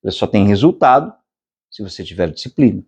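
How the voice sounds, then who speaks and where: A man with a Brazilian Portuguese accent giving a spiritual meditation lecture, speaking slowly and deliberately with long pauses and chanting drawn-out vowels. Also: fairly low pitch, lively intonation, a little mellow, slightly rough. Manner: slow, measured delivery with long pauses. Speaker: meditation instructor.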